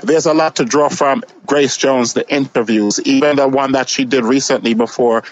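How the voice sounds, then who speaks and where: A man's voice: medium pitch, steady tone, normal speed, muffled recording. A man with a Jamaican accent in casual, opinionated discussion, speaking assertively and repeating phrases for emphasis.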